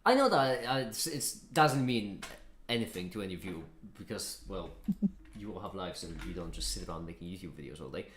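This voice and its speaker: A man's voice: low-pitched, lively intonation, a little fast, few pauses, a bit bright. A man chatting casually as he works on his livestream, thinking aloud in a musing, self-critical way. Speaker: video creator hosting a livestream. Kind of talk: casual chat while working. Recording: echoey room with clear background noise.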